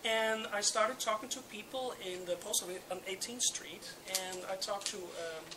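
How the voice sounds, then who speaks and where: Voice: medium pitch, normal speed. Dutch-accented panelist, hesitant with fillers. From Netherlands. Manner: relaxed, hesitant, many ums and uhs. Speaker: urban demographer on a panel. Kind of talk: panel talk to an audience. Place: public roundtable event. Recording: noisy event recording.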